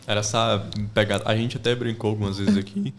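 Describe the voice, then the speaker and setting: A man's voice: on the low side, steady tone, a little hiss or hum. A man co-hosting a casual chat, throwing in joking remarks. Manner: joking, quick interjections. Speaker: videocast co-host.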